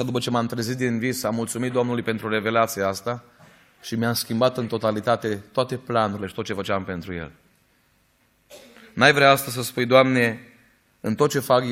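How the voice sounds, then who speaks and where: A man preaching a sermon in an earnest storytelling way, rising at times to emphatic, louder peaks. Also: medium pitch.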